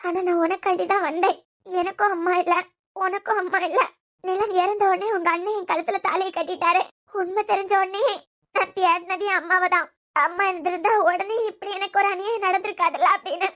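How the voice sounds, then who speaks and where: A hurt, grieving young wife in a cartoon, voiced by a woman, speaking with a Kanyakumari Tamil accent. Her voice sits very high and bright. She pleads softly, as if close to tears. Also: fairly even intonation, fairly quick. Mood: sorrowful. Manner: soft, tearful pleading. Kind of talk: cartoon web series dialogue.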